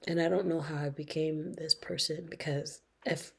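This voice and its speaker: Late-20s woman doing a video diary, low husky voice, slow and thoughtful, kinda whispery. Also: steady tone. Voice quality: husky, often dropping to a whisper. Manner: slow, reflective, hesitant, with soft laughs. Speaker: vlogger.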